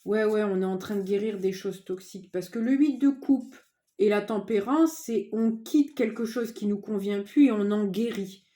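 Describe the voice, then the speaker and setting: A woman giving a casual tarot reading to viewers, chatty and informal, often pausing with fillers. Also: mid-range voice, dark tone. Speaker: tarot card reader.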